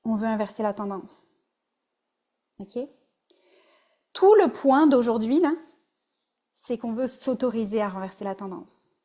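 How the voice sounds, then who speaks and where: A relationship coach with a Québécois French accent gives a casual, conversational webinar presentation, slipping English words in. Her slightly high, mellow voice is animated, with a measured pace and long pauses.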